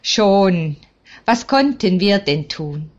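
A woman's voice: mid-range voice, expressive, slow, a little mellow, dull audio. A woman voicing a worn, practical village innkeeper woman who speaks plaintively in a read-aloud story. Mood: defensive.

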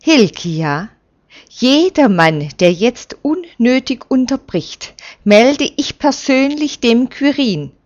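A stern, commanding old man from a storybook reading, weighing each word with deliberate, unhurried authority, as a woman puts him on. The delivery is very slow. The sound is dull and lo-fi. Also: mid-range voice, very animated. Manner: firm, measured, reproving. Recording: dull lo-fi recording.

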